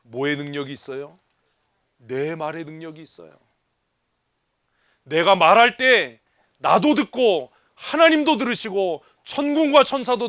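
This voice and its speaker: Man, pastor, fiery sermon, high pitch, dry close sound, loud-soft swings. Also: no room sound. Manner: swings from hushed low asides to loud exhortations; asks the congregation questions and mimics grumbling people. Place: church sanctuary.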